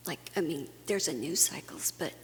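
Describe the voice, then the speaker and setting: Giving a plenary talk to a faith audience, a woman from Guatemala speaks earnestly and conversationally, with fillers and restarts. Her voice is low-pitched at a normal speed, and the recording carries long hall reverb plus a faint hum.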